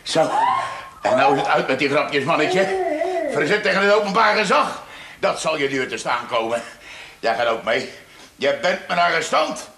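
An actor playing a pompous village constable who blusters and stammers, on old television audio. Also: male voice, fairly high pitch, wildly swooping pitch, moderate pace, vocal fry, reverberant, noisy background, heavily acted. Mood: blustering. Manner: blustering, stammering when scolded. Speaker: village policeman. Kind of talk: 1960s TV comedy acting.

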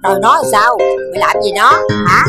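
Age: middle-aged. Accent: Southern Vietnamese. Figure: woman playing a quick, sharp-tongued mother. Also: medium pitch, over loud music, close to an everyday voice. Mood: sarcastic. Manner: scolding, sarcastic. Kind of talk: TV drama acting.

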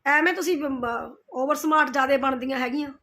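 Fast scolding woman. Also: high voice, bright, forceful tone. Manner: scolding, confrontational, repeats herself. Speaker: vlogger replying to roasters. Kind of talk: heated direct-to-camera rant.

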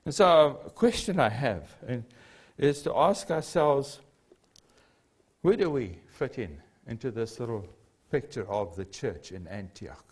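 In a church hall with a lectern and a cross, an older South African pastor, a native Afrikaans speaker with a South African accent, preaches a sermon. His mid-range voice is animated and unhurried, darkish with a breathy edge, and he delivers earnest emphasis while repeating key phrases.

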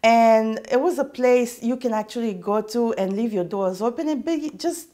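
A woman in her thirties from Haiti, a radio producer, speaking as a guest in a studio TV interview in an earnest, measured way on a lapel mic. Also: on the high side, mellow. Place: indoor TV studio set.

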